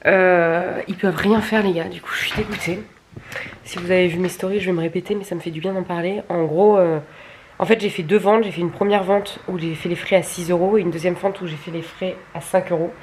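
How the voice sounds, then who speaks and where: A young adult vlogger speaks briskly in a low, darkish voice with fairly even intonation, and there's a little hiss or hum in the audio. Chatting to camera for her stories, she is candid, crude and colloquial, complaining and teasing herself confessionally.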